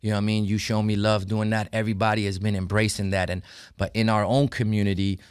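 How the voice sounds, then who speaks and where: A man's voice: fairly low pitch, flat delivery, fast talker, smooth, no echo, clean studio sound. A young man from the Netherlands, a rapper chatting casually in an interview with a laid-back manner. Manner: laid-back, lots of "you know what I'm saying". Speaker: rapper, guest.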